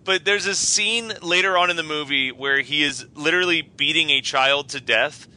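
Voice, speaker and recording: A man co-hosting a casual movie review chat, rambling excitedly, laughing often and swearing. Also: a little high, normal speed. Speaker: podcast co-host.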